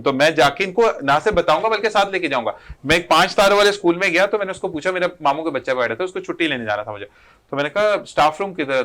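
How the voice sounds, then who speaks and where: A young Pakistani man hosts a morning talk show, chatting casually and cracking jokes at his guests. His voice sits somewhat high and sounds bright and forceful. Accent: Pakistani Urdu. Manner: joking, talkative, teasing. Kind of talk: casual chat.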